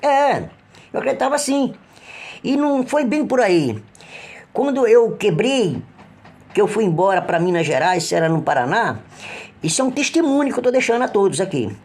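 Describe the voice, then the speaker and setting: A middle-aged man with a Brazilian Portuguese accent giving an emotional personal religious testimony, halting and earnest, with frequent restarts. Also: sits high, big pitch swings, a little mellow. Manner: halting, with repeated restarts and trailing phrases; earnest, pleading when retelling cries for help.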